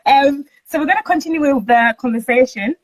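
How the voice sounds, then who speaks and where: A woman with a high voice hosts a relaxed online interview. She keeps it upbeat, laughs often and coaxes her audience to chime in. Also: fairly quick, rough recording. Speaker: host.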